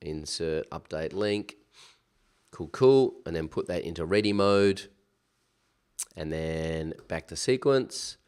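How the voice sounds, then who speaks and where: A man with a nasal, blocked-up voice from a cold, like he has his nose pinched, giving a casual, chatty software tutorial with informal asides. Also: sits low, animated, slow, pauses often, clear, resonant tone. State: recovering from a cold. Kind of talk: casual screen-share tutorial.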